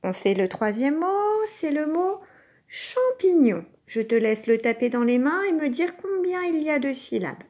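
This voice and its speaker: Slow, lively woman teacher. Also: high voice. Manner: slow, clearly articulated, patient, sounding out syllables. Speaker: kindergarten teacher. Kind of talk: recorded classroom lesson for young children.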